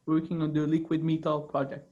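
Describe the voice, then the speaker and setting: Student host on a video call, halting, reads speaker introductions. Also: male voice, fairly high pitch, monotone, a little mellow, dull audio. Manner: halting, many fillers.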